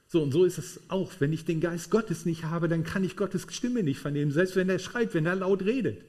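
Man, preacher, sermon to a congregation, emphatic, fairly high pitch. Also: normal speed, a little mellow. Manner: emphatic, addresses congregation with tag questions. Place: room with a congregation.

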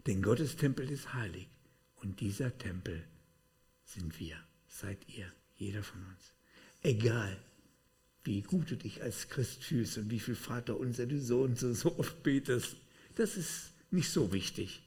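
A man preaching a sermon, swinging between loud outbursts and hushed asides. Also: mid-range voice, lively intonation, measured pace.

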